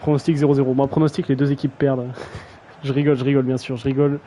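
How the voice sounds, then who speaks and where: A man's voice: mid-range voice, flat delivery, fast talker, mellow, slight background noise, poor audio. A young man casually commentating a video game match on a live stream, slangy and self-mocking, often stumbling over player names.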